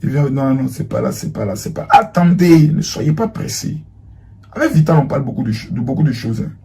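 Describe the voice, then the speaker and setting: A man giving an impassioned, accusatory monologue, swinging between loud outbursts and hushed lines. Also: mid-range voice, lively intonation, a little fast, creaky. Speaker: public figure answering a former protégée.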